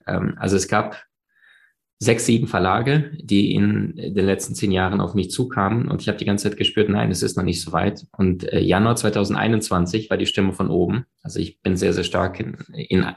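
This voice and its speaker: A man with a low, gravelly voice talks at length as a guest in an interview. He speaks emphatically and expansively, piling up fillers and restarts as he goes. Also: steady tone, moderate pace. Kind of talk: conversational interview.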